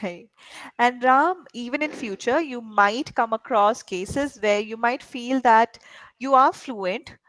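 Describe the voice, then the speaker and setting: A woman's voice: a little high, slow, a bit bright, no room sound, low-quality recording. A woman from India coaching a learner in spoken English, explaining patiently and checking in with frequent questions. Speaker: English tutor.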